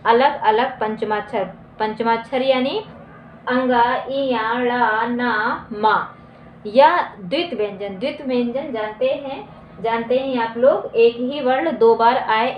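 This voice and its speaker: A woman teacher with a somewhat high voice leads her students through a grammar lesson, asking questions, answering them herself, and slowly repeating definitions. The recording is dull, lo-fi, and echoey, with a faint hum behind her.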